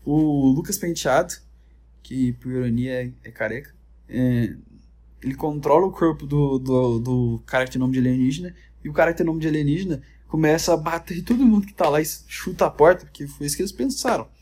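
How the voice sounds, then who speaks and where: A man's voice: fairly high pitch, a little fast, darkish tone. A man with a Brazilian Portuguese accent rambling through comedic, profane reality-show commentary. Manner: rambling, profane, jokey storytelling. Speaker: vlogger.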